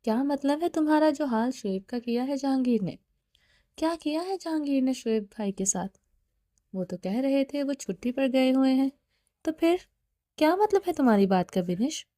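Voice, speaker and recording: A woman's voice: high voice, expressive, dark tone, no echo, studio quality. Insistent demanding young wife, read by a woman. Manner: pressing questions, firm.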